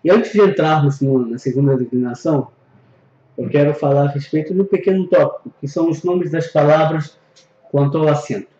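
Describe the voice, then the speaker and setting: A man's voice: a little high, a little fast, warm tone. Patient man teaching in an echoey room. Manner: patient, explanatory, repeats and reviews terms. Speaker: Greek language teacher. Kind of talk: recorded grammar lesson. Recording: echoey, dull lo-fi room recording.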